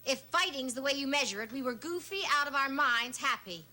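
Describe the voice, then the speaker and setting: A woman's voice: high voice, animated, brisk, pushed and bright, heavily acted. A woman playing a proud, combative middle-aged divorced mother in a television drama, blunt, scolding and sarcastic. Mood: exasperated. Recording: noisy 1970s television soundtrack.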